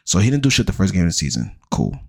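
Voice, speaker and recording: A man with a very low, deep voice hosts a fantasy football show in loose, profane chat. He reels off numbers quickly and bluntly dismisses players as bums. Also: sing-song, gravelly, darkish tone. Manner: blunt, profane, rattles off stats, mocking hype. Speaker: fantasy football podcast host. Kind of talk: casual profane sports chat.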